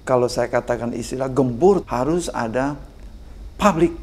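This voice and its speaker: A man's voice: mid-range voice, moderate pace. An older man, a guest expert on political communication in a podcast interview, talking emphatically and often addressing the host respectfully. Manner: emphatic, animated, sprinkles "Pak" often.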